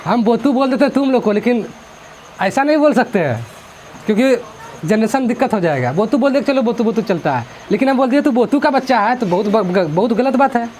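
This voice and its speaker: A man's voice: extremely high pitch, lively intonation, fairly quick, a little mellow, slight background noise. A male teacher explains a school literature chapter in a chatty, repetitive way, mixing in English words.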